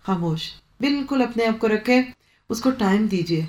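A woman's voice: a little high, expressive, darkish tone. A woman giving a parenting talk, explaining with homely examples and mixing in English phrases. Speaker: parenting speaker.

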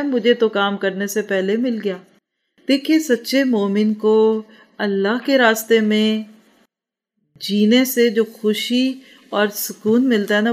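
A woman giving a Quran commentary lecture, earnestly explaining verses, reciting the Arabic slowly and asking rhetorical questions. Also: mid-range voice. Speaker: Quran teacher.

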